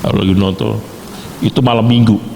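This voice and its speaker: A man teaching a theology class, quizzing students with quick, joking questions and telling stories. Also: lowish voice, fairly even intonation, vocal fry, mellow. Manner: jokey, rapid-fire questioning of students. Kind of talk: interactive class lecture with storytelling. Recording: echoey hall, faint background hiss.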